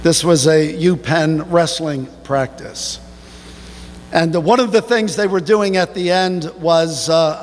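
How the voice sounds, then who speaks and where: A man preaching a sermon as pastor, slow and emphatic, with sudden rises in pitch. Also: long reverb tail. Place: church sanctuary.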